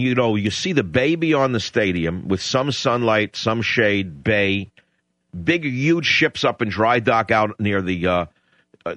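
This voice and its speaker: This is opinionated radio monologue and call-in chat from a studio, led by a sardonic, emphatic male host who rambles through his views. His voice is on the low side with a fairly bright tone, and the dull lo-fi broadcast has no echo.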